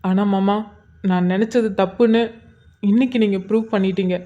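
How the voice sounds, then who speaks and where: A woman's voice: medium pitch, steady tone, normal speed, phone-quality sound, lightly acted. A woman voicing a young brother-in-law, worn out by grief but sincere, in a cartoon drama. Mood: weary. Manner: weary, sincere. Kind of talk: cartoon voice acting.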